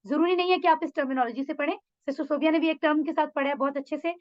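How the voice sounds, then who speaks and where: A woman's voice: high voice, steady tone, fast, highs cut off. A woman teaching an online Arabic class, encouraging her students and mixing English phrases into her Urdu. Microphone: video call mic.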